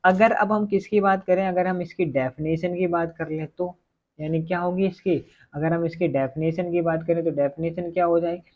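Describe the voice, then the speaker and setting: A man teaching a Hindi grammar lesson for exam preparation, often asking questions and answering them himself, and slowing down to dictate as he writes. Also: a little high, steady tone. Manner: repetitive questioning, answers his own questions; slow dictation while writing. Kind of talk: online exam-prep lesson. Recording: tinny phone-like audio.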